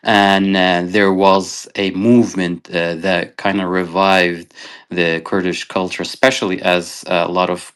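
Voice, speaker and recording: A man from northern Syria answers an interviewer's questions with a very deep, low-pitched voice. He talks at length but hesitates constantly, filling gaps with "um" and "uh" and restarting his phrases. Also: little pitch movement, unhurried, a bit bright, clean tone. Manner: hesitant, many fillers and restarts. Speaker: journalist and researcher guest.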